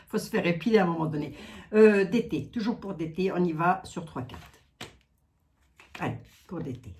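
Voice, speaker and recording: A woman's voice: on the low side, darkish tone, a little hiss or hum. Chatty French woman reading cards. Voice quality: chatty, talks to viewers, many asides and "hein". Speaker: card reader. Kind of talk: casual card-reading livestream.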